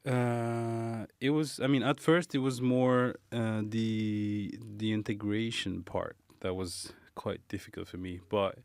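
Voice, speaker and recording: A man from Morocco, a pastry chef guest in a casual interview, speaking thoughtfully with many pauses and fillers. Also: fairly low pitch, fairly even intonation, clean tone, no echo.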